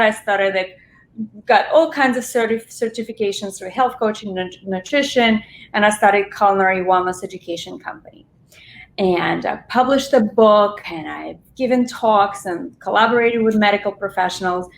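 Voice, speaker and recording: A woman in her forties, originally from Russia, talking chattily as a restaurant owner guest in an interview. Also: mid-range voice. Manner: warm, chatty storytelling with laughs. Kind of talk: interview conversation. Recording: roomy echo.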